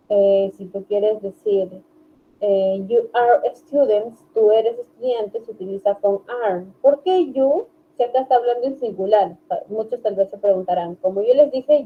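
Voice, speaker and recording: A woman teacher explains grammar at an unhurried, deliberate pace, her voice sitting a little high. She keeps checking that students follow and reads example sentences slowly. The sound is thin and phone-like, as from an online class. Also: a little hiss or hum. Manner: patient, checks understanding with repeated "¿sí?". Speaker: English teacher.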